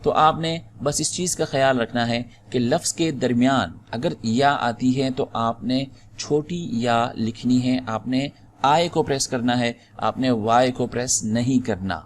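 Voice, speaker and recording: A man teaches typing through a screen-recorded tutorial, patiently going step by step and calling out keys one by one. His voice is medium-pitched, with a faint hiss or hum in the recording.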